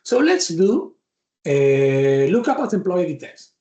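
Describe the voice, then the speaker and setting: In a live software walkthrough, an Argentine-accented man teaching a bootcamp speaks slowly in a sing-song manner, his pitch sitting a little high for a man. He thinks aloud and restarts words as he clicks, and the room adds a noticeable echo.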